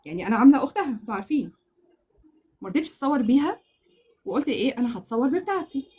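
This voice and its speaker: Excitable Egyptian woman hosting a live stream. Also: fairly high pitch, very fast, slightly rough. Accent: Egyptian Arabic. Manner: excitable, swears oaths, laughs often. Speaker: crochet channel host. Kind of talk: live-stream giveaway chat.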